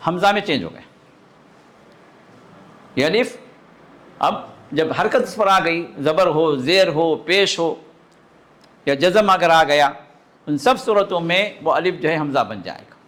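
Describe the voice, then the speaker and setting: A man teaching a live recitation class to students, sounding out throat letters and asking often if the point is clear. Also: on the high side, lively intonation, long pauses, fairly bright tone. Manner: demonstrates throat sounds, asks learners to confirm understanding. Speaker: religious teacher.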